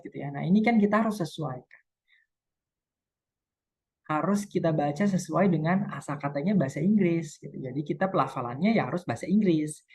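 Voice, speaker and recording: A woman lecturer explaining English pronunciation, modeling English words slowly with stress and thinking aloud between points. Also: low voice, a little mellow, breathy edge. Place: university.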